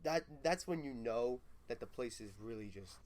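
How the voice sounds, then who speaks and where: A man's voice: mid-range voice, expressive, normal speed, a little mellow. A young man co-hosting a podcast, talking in a rambling casual way full of "you know". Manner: rambling with many fillers and restarts. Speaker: podcast co-host. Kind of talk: casual chat.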